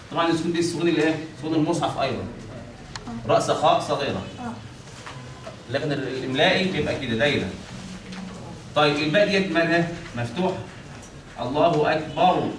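A man with an Egyptian accent teaches a recitation lesson, keeps throwing questions out and answering them himself. His voice sits high and he talks quickly. He sounds distant from the mic in a very echoey room with a faint hum. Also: a bit bright. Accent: Egyptian Arabic. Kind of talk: classroom lesson on Quran recitation.

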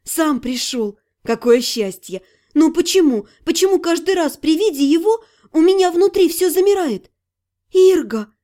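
A woman voicing an impulsive, emotional young woman mage in an audiobook, high, urgent and tearful. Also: animated, normal speed, mellow. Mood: excited, anxious.

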